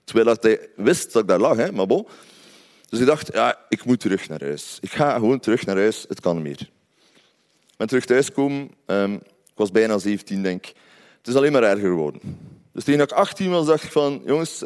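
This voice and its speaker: Flemish male storyteller, animated pitch, wry and conversational. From Belgium, Ghent. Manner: conversational, wry asides to listeners. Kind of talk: personal storytelling.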